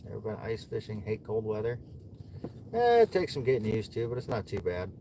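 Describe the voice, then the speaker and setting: Midwest guy ice fishing on a livestream, easygoing, laughs a lot, clear noise behind him. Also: on the low side, huge pitch swings, a little fast, warm tone. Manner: laid-back, chuckles often, answers chat between fishing. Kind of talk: casual livestream chat reading viewer comments. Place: ice fishing shelter outdoors in winter. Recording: noisy outdoor ambience.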